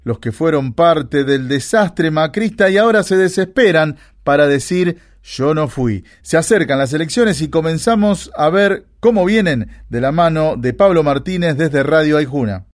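A radio host introducing a news segment emphatically. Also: male voice, fairly high pitch, lively intonation, normal speed.

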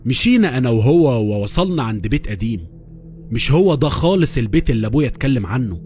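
A man with an Egyptian accent narrating a first-person horror story in a steady voice. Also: mid-range voice, quick pace, soft background music.

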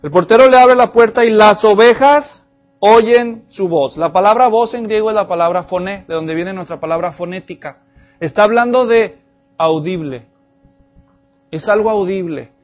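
A man preaching an expository sermon, addressing the congregation directly with animated energy. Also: sits high, moderate pace, muffled recording. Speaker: pastor.

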